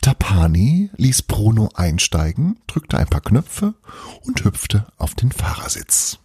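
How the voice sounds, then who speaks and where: A man reading a children's story aloud, slow and expressive, with a low, husky voice. The recording is dry and close. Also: no room sound. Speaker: reader.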